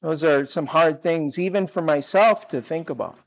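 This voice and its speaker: Older guy preaching, chatty and easygoing, wanders into little asides. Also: fairly high pitch. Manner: conversational, unhurried, with asides and restarts. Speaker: pastor. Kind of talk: sermon.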